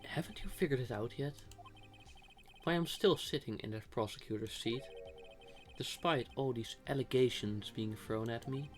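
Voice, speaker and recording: A man voicing a composed, stern prosecutor from a video game, speaking in a formal, measured and resolute way. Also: mid-range voice, faint music behind, natural voice. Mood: confident. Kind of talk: amateur voice-acting of video game dialogue.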